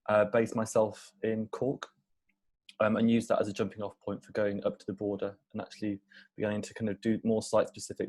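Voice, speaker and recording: Researcher guy on a panel, low mellow voice, flat, kinda halting. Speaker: PhD researcher, panel guest. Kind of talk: casual panel talk.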